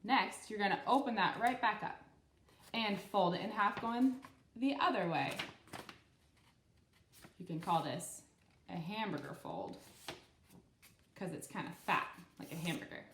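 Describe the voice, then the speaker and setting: She's in her thirties, leading kids through a read-aloud and a step-by-step craft with simple, upbeat explanations. Her mid-range voice is animated and fairly bright, unhurried, with frequent pauses. A faint hiss or hum sits under the roomy, echoing acoustics.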